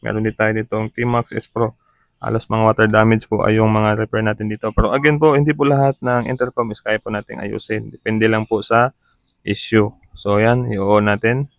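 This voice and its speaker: In a casual repair demo vlog, a man from the Philippines walks through a hands-on fix, informal and practical, explaining each step and mixing in English technical terms. His voice is fairly low and level, at a moderate pace with no echo.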